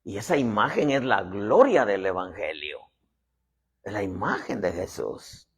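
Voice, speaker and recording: A man's voice: lowish voice, lively intonation, unhurried. A middle-aged man preaching a sermon in a folksy way, joking and having the congregation repeat phrases. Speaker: apostle preaching.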